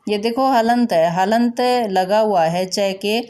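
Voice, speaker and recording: A woman teacher explaining a school lesson slowly and patiently, repeating her instructions. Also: mid-range voice, a little mellow. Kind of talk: recorded classroom lesson.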